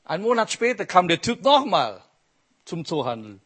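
A man's voice: high voice, sing-song, normal speed, fairly bright tone, breathy edge. A man preaching a sermon with emphasis, asking the congregation questions as he goes.

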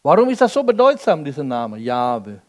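At a moderate pace and with wildly swooping pitch, a male preacher gives a sermon, laying out his points step by step with rhetorical questions. He alternates between booming emphasis and soft, low asides.

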